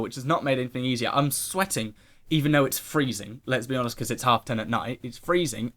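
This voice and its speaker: A young-sounding man rattles through a personal story in a casual vlog, animated and excitable. His voice is bright and forceful, with plenty of emphatic exclamations. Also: mid-range voice. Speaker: vlogger telling a personal story.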